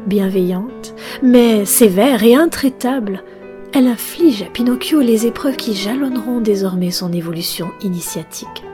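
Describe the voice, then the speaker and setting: A woman narrating a tale and commenting on it, often in a soft whisper with measured delivery. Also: mid-range voice, soft background music. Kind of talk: read-aloud narration with commentary.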